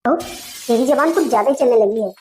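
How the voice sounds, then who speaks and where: A woman's voice: on the high side, fast talker, dark tone, soft background music, pitched below the performer's own voice, close to an everyday voice. A woman playing a domineering, scheming mother-in-law who scolds and complains in a comedy skit. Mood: bossy. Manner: bossy, scolding, tearful complaining.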